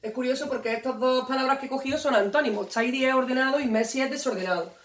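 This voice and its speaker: A woman explains grammar at a whiteboard, patient and steady, often posing a question and answering it herself. Her voice sits a little high. The sound is roomy and comes from some way off the microphone. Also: fast talker, recorded from a distance. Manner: patient, repeats key points, asks and answers own questions. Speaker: English teacher.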